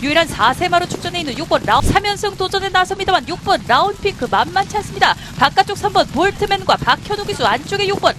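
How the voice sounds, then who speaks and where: High, rapid female race caller. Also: animated, background noise. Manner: rapid play-by-play calling of numbers and names. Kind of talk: horse race commentary.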